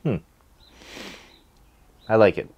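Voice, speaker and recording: A man's voice: slow pace, dull audio. A man in his thirties chatting casually to the camera as he reviews tobacco, laid-back and hesitant, trailing off between puffs on a cigar. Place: small wood-paneled room, indoors.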